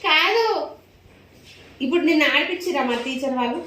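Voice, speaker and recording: A mother gently coaxing her child with short, repeated questions in casual home chat. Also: high-pitched, very animated, fairly quick. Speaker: mother and vlogger. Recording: roomy, noisy home recording from off-mic.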